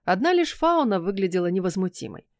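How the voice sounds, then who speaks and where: A woman's voice: medium pitch, a little fast, no echo, clean studio sound. Woman reading an audiobook. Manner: expressive first-person storytelling. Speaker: narrator. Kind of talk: audiobook narration.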